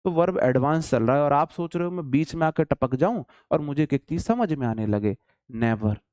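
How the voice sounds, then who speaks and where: A man's voice: fairly high pitch, animated, moderate pace, a little mellow, dry recording, clean studio sound. A man with a Hindi accent teaching an online English class, chatty and teasing his students. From India.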